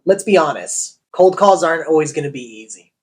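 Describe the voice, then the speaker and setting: A man's voice: lively intonation, brisk. A man, a real estate agent, giving sales training on cold calling and acting out call lines as he explains. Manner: acts out call lines with shifting pitch.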